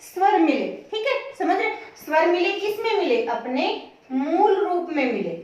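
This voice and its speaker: A woman's voice: very high voice, expressive, measured pace, a little mellow, muffled recording. A woman teaching a grammar lesson, posing questions to her students and answering them herself, repeating the key words. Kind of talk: classroom-style lesson. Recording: very echoey room, voice from a distance.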